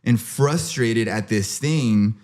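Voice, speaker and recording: A man's voice: medium pitch, takes it slowly, darkish tone. A young man co-hosting a podcast, telling a story in casual chat, full of fillers and "bro". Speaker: podcast co-host.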